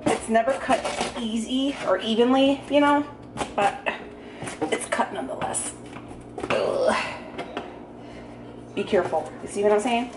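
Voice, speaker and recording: An American vlogger cooks in her home kitchen, chatting casually with filler words and jokes at her own expense. Her slightly high voice is lively and unhurried with frequent pauses, caught by a camera mic that moves around an echoey, noisy room.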